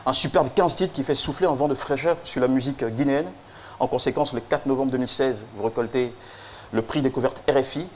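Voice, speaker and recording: A man's voice: mid-range voice, fairly quick, slight background noise. A man delivering a tribute speech on a TV show, solemn and rhythmic, leaning on repeated phrases. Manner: solemn, rhythmic, with emphatic repetition. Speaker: tribute presenter.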